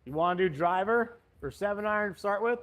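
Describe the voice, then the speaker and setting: During a hands-on golf lesson, a man gives short cues and encouragement as his student swings. His voice sits high and sounds expressive, fairly quick, and fairly bright.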